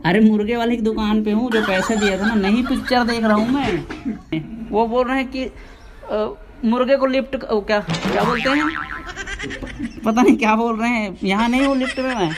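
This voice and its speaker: A man's voice: extremely high pitch, moderate pace, background noise. A young man doing a comic phone prank in public, boasting and laughing as he talks into the phone. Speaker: prankster making fake phone calls.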